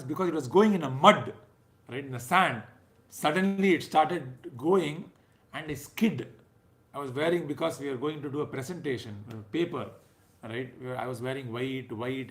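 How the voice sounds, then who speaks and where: A man's voice: medium pitch, creaky. A man in his thirties with a South Indian accent, giving an informal, conversational sermon as a spiritual teacher, emphatic and checking in with his listeners. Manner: conversational, emphatic, often ending phrases with a checking "right?". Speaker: spiritual teacher leading a scripture class. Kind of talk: informal sermon with anecdotes and chanted verses.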